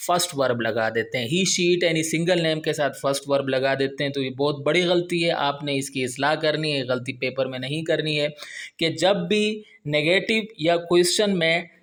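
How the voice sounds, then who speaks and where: A man explaining English grammar in a lesson, reading example sentences out slowly. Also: on the high side, fairly bright tone. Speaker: English teacher.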